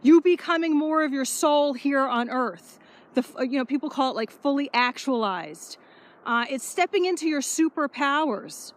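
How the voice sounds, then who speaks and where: A woman speaking as a spiritual life coach in a casual walking vlog, energetic and repetitive, swearing offhandedly. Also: high-pitched, moderate pace. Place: outdoors, power walking.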